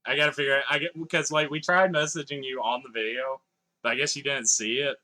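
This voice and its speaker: A fast-talking man with a bright, forceful mid-range voice and fairly even intonation streams a video game. Chatting casually, he reads his viewers' messages aloud and occasionally swears.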